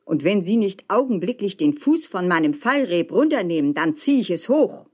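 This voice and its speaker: A woman voicing a stubborn, loud old bargeman who talks in a blunt, grumbling way. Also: lowish voice, big pitch swings, normal speed, slightly rough, dull audio. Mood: gruff.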